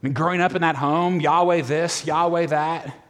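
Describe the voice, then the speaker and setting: Man, pastor, high and animated pitch, casual chatty sermon delivery, long hall reverb. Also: moderate pace. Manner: casual, animated, many fillers and restarts. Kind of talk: conversational sermon.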